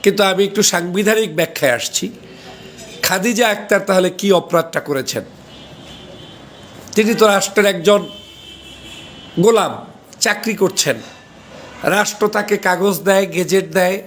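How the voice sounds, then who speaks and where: A man's voice: sits high, a bit bright, slight background noise. A man delivering an argumentative political commentary monologue, speaking emphatically to his audience.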